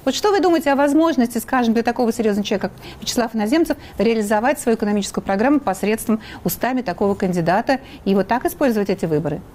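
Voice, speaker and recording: Female host, deliberate delivery, bright-ish higher voice, studio talk. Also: expressive. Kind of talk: studio talk show moderating.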